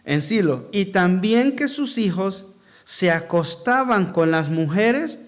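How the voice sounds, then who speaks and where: A man's voice: high-pitched, lively intonation, slow pace. A man preaching as pastor in a church hall, asking the congregation questions and acting out quotes in a sermon.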